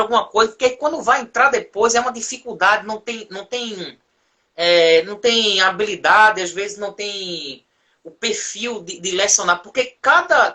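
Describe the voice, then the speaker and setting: A middle-aged man, a history teacher telling stories in a relaxed chat over beer. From Brazil. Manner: relaxed storytelling, lively pitch. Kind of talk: casual conversation over beer.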